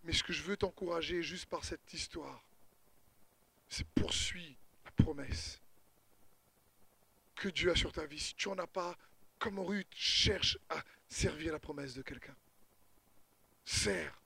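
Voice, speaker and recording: A man preaching a sermon, retelling a scripture story with humor and lively asides. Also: on the high side, measured pace, vocal fry, pauses often, slightly rough.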